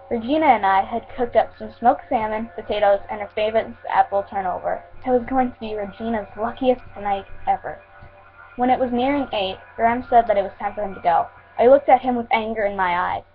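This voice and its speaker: A woman reading fan fiction aloud in a plain, steady way, with small slips now and then. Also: fairly high pitch. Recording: tinny phone-like sound.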